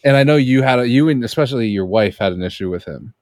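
A man co-hosting a podcast, chatting casually and excitedly about a film and swearing freely. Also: mid-range voice, quick pace, dry recording, studio quality. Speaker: podcast co-host.

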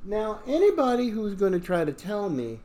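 A man hosting a podcast in a conversational monologue, showy like a ringmaster when announcing and halting between phrases. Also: high voice, sing-song, dark tone. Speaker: podcast host.

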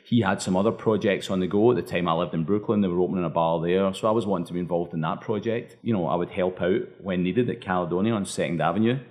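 A man's voice: low-pitched, fast talker, hardly any pauses, darkish tone. A man with a thick Scottish accent answering interview questions conversationally as a bar owner. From Scotland.

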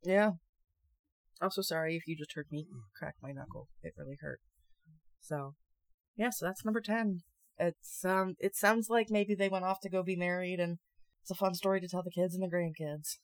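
A young woman co-hosting a casual chat and reading stories aloud, chatty and quick to laugh. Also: on the low side, fairly even intonation, dry recording. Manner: chatty and giggly. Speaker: podcast co-host.

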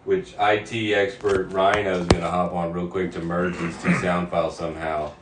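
Podcast co-host, very deep male voice, wordy and teasing, recorded off-mic in a roomy space. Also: little pitch movement, moderate pace, recorded from a distance, heavy background noise. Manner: wordy, teasing, stumbles over words. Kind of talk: casual chat.

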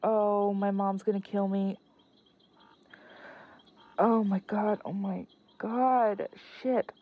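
Woman doing a scared young girl calling in on a landline, slow stammery voice, muffled phone sound. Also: medium pitch, flat delivery. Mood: panicked. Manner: stammering, breathless, dropping to a whisper. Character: panicked young female driver after a crash. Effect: over a landline phone, on a voicemail. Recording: dull phone-line voicemail.

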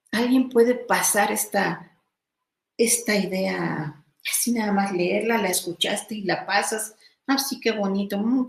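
A woman giving a slow, reflective motivational talk, asking the listener many questions and acting out their inner doubts. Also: medium pitch, vocal fry, roomy sound, rough recording. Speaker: self-help speaker.

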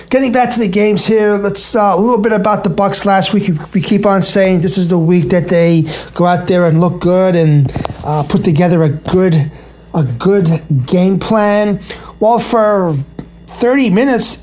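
A man's voice: sits high, darkish tone. An American man hosting a sports radio show, talking through the games in a monologue.

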